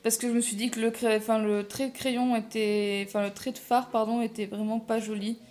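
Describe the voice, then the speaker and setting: A young woman narrates her makeup tutorial in a casual, rambling way, laughing at herself and stumbling over her words. Her voice sits a little high. Soft music runs quietly underneath. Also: little pitch movement, brisk. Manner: chatty, self-deprecating, many fillers and restarts. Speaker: makeup vlogger.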